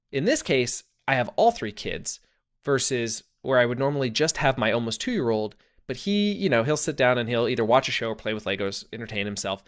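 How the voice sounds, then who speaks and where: A man in his thirties talks through a personal story as a podcast host. He rambles, circles back to correct himself and keeps a dry, wry edge. His voice sits at an ordinary middle pitch. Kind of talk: casual storytelling monologue.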